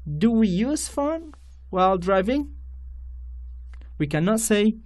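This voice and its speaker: A man's voice: sits high, big pitch swings, slow, a little mellow. A man with a Kurdish accent, a native Kurdish speaker, teaching an English grammar lesson to students and repeating each example sentence with care.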